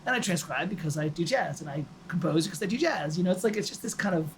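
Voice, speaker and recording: A young man hosting a casual chat about music, animated, rambling and quick to laugh. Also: fairly high pitch, slight background noise. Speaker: host.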